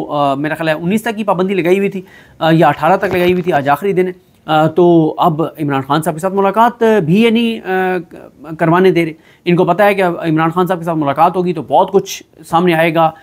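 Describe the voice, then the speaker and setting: A man giving a solo political commentary. He talks in an animated, emphatic way, often pausing with fillers. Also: high voice. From Pakistan.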